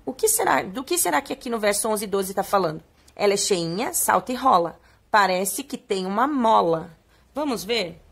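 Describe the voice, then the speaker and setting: A young adult woman with a Brazilian Portuguese accent teaches young children, reading a poem line by line. She draws out the key words slowly in a sing-song way to get them to read along. Her voice sits at an ordinary middle pitch. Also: animated, vocal fry, husky.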